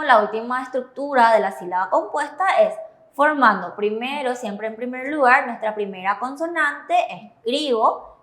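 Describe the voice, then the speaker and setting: A woman's voice: fairly high pitch, a bit bright, reverberant. A woman with a Paraguayan Spanish accent co-hosting a language lesson, prompting the teacher with questions and approving answers. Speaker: Spanish-speaking co-host of a Korean lesson. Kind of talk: classroom-style explanation on a TV lesson.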